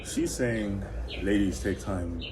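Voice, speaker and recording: A man's voice: on the low side, takes it slowly, background noise. A man co-hosting a casual reaction chat, joking and teasing with lots of laughter. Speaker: reaction show host.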